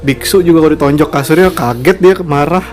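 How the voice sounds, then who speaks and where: A man's voice: on the high side, fairly quick, a little mellow. A young man co-hosting a casual chat podcast, talking animatedly and acting out quoted outbursts in a raised voice. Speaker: podcast co-host.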